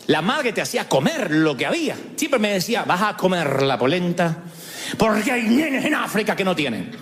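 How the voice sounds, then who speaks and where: A man, a pastor preaching a sermon at a church service, telling jokes and stories in an animated way. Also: high voice. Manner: animated, joking storytelling. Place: church service before a congregation. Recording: long reverb in a large hall.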